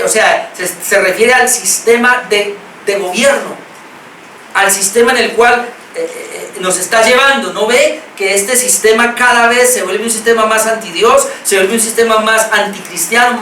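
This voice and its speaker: A man's voice: high-pitched, normal speed, pushed and bright, a little hiss or hum. A Colombian man preaching a sermon as pastor, earnest and repetitive, reading scripture aloud and stressing key words. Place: church hall. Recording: echoey hall, mic at a distance.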